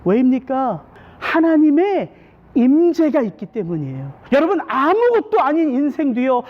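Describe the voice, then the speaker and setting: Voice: high-pitched, muffled recording. A pastor delivering a Sunday sermon in a church, preaching with many rhetorical questions. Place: church sanctuary.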